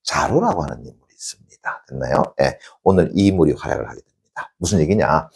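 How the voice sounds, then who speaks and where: A man's voice: extremely low pitch, quick pace, gravelly, slightly rough. A male teacher telling a classical tale in a lecture, constantly checking in with his students and answering himself. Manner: animated storytelling, sound effects. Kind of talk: Korean classics lecture, storytelling.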